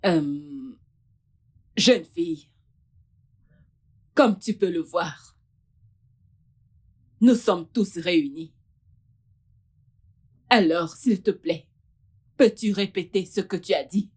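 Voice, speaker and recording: Slow, husky, composed family elder figure. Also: female voice, fairly low pitch, darkish tone, exaggerated voice. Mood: stern, composed. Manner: measured, formal questioning. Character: composed, questioning woman presiding over family meeting. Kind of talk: dubbed film drama acting.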